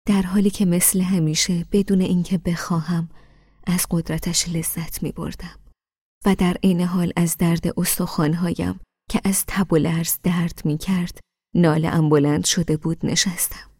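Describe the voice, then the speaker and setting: A woman reading a first-person story in a soft, half-whispered way. Her voice is low and gravelly with a dark, husky grain. The sound is close and dry. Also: little pitch movement, dry recording. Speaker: narrator.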